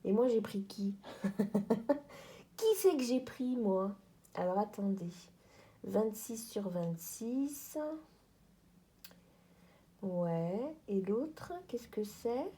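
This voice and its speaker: A woman with a French accent talks slowly through a casual craft unboxing. Her voice is mellow and a little husky. She hesitates often and speaks straight to her viewers. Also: medium pitch, expressive. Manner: chatty, hesitant, addresses viewers directly. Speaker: craft vlogger.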